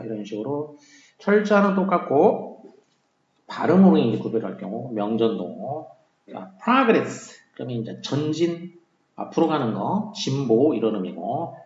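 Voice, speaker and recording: A man's voice: mid-range voice, dark tone. A man teaching English vocabulary in a casual, conversational lecture style, with many fillers and key words said twice. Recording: roomy, dull lo-fi sound.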